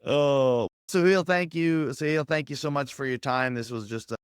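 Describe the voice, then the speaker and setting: A man's voice: medium pitch, moderate pace, smooth, no room sound, clean studio sound. A man hosting a podcast on a video call, asking questions in an encouraging way with frequent restarts. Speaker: podcast host. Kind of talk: casual interview chat.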